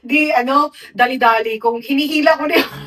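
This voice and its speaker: A woman's voice: high voice, a little fast, far from the mic, faint music behind. A woman in her thirties, a podcast co-host, telling a comic story in mixed Tagalog and English. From Philippines. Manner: animated, laughing storyteller mixing Tagalog and English. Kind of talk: casual chat, comic storytelling.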